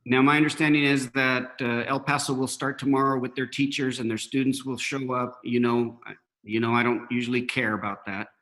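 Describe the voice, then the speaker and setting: A man speaking as a school district superintendent at a board meeting, halting, with many fillers and restarts, and troubled by hiccups. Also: medium pitch, little pitch movement, fairly bright tone, rough recording.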